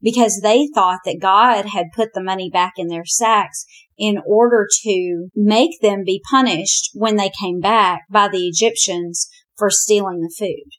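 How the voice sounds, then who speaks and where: A woman teaching a Bible lesson in a conversational, animated way. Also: mid-range voice, a little slow. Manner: chatty, animated, often says "you know".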